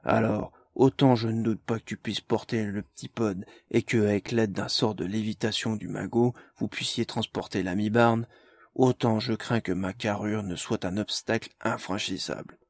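A man voicing a big, foul-mouthed male ogre who talks gruffly, with slang and sarcasm. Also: on the low side, fairly even intonation, normal speed, no echo, studio quality. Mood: sardonic.

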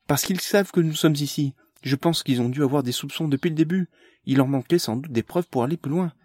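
A man's voice: on the high side, a little fast, darkish tone, dry recording, pitched above the performer's own voice, lightly acted. A man voicing a frantic young woman on the run, talking urgently and close to tears.

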